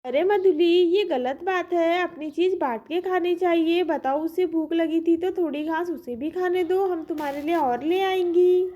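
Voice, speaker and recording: A woman's voice: very high-pitched, unhurried, few pauses, warm tone. A woman voicing a kind, fussy village mother in a cartoon, speaking. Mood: fussing. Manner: fussy, chatty.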